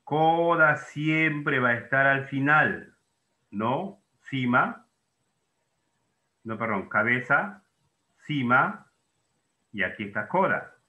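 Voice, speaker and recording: A male teacher talks through a lesson in a lively, rising and falling voice with a bright edge. He keeps asking questions and answering them himself. The sound carries the echo of a bare room. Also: mid-range voice, slow, long pauses, dull audio. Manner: explains in questions, voicing students' doubts himself. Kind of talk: classroom lesson.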